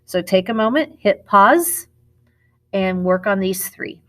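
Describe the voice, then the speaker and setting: A middle-aged woman teaches a recorded lesson at a mid-range pitch. She goes patiently through each example and stops to correct herself when she slips. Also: animated, slow, fairly bright tone. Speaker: Spanish teacher. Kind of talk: recorded classroom lesson video.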